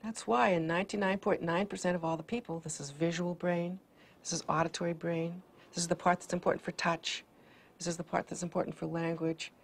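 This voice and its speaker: Woman researcher, kinda low creaky voice, sure of herself. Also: fairly even intonation, a little fast. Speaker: brain researcher. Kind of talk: interview answers.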